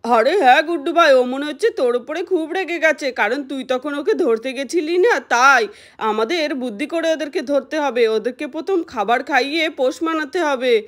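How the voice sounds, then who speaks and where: Woman playing a sensible big-sister girl, high voice, coaxing and explaining, doll cartoon. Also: normal speed, natural voice.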